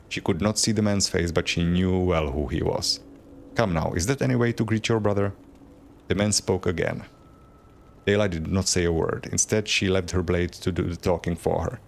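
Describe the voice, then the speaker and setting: A man's voice: low voice, creaky. A man streaming a game, reading lore aloud in a plain, unacted voice with casual asides.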